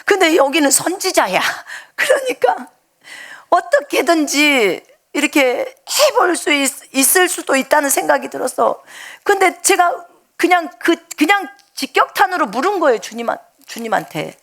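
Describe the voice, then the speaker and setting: Brief: middle-aged female preacher, high gravelly voice, emotional testimony swinging from loud to hushed. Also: very animated, normal speed. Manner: emotional storytelling, shifts between loud outbursts and hushed asides. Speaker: missionary preacher. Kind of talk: sermon, personal testimony.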